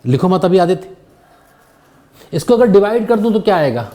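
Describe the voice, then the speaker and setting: A man's voice: high-pitched, sing-song, normal speed, mellow. A male physics teacher giving a classroom lecture, patiently quizzing his students as he works through problems.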